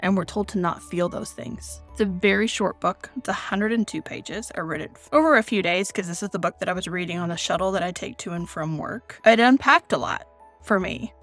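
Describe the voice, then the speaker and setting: An American woman in her forties chats through her book reviews in an expressive, conversational way. Her voice sits at a middle pitch. Faint music plays softly underneath. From United States, raised in Kenya. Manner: chatty, expressive, reads from her notes. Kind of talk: casual book review vlog.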